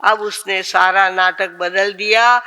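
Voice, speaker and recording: Woman, Jain nun, storytelling sermon; bright crisp voice, long hall reverb. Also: medium pitch, takes it slowly. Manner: lively storyteller who acts out the characters' lines. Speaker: Jain nun giving a discourse.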